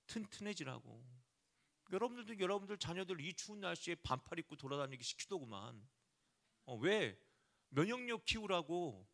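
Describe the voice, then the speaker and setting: A man's voice: high-pitched, a bit bright. A man preaching a sermon as pastor, talking conversationally to the congregation and often asking rhetorical questions.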